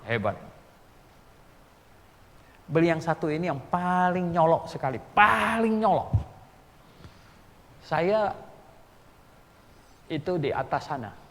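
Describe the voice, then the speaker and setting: A pastor in his sixties preaching a sermon. He tells a personal story with lively, acted-out dialogue. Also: a little high, a little slow, pauses often, long reverb tail. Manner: animated storyteller who acts out dialogue.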